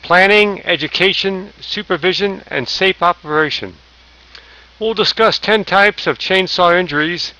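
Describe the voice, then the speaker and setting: A man's voice: high-pitched, measured pace, pushed and bright, poor audio. A man narrating a safety training slideshow, reading lists aloud with small slips and restarts. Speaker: safety instructor.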